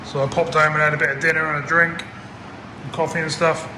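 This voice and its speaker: Down-to-earth car restorer, flat delivery, slightly breathless, echoey garage. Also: male voice, fairly high pitch, fast talker. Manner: chatty, down-to-earth, self-deprecating. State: out of breath from machine polishing. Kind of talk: casual workshop commentary. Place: garage workshop. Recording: roomy workshop with clear background noise.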